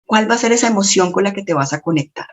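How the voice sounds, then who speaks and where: A woman lecturer and coach with a slightly shrill voice, telling stories expressively in a motivational lesson to camera. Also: fast talker. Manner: expressive, storytelling with lots of self-talk.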